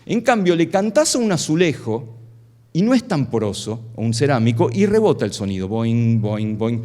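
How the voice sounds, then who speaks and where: A man's voice: fairly high pitch, big pitch swings, brisk, a little mellow. Middle-aged argentine guy, joking science talk on stage, voice jumps up and down a lot. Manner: playful, asks the audience many questions. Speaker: science lecturer. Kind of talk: live talk to an audience. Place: stage before an audience.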